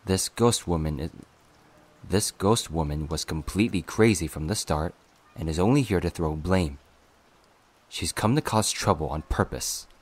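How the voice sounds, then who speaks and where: Brief: blunt grumbly official, a touch louder, a man voicing him. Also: low voice, expressive, normal speed. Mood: grumbling. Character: grumbling exasperated male official.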